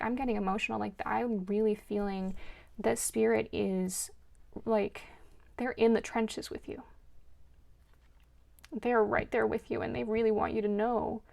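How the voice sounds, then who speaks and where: A woman's voice: a little high, creaky, darkish tone. A woman giving an earnest, emotional spiritual card reading, rambling with many restarts. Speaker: card reader.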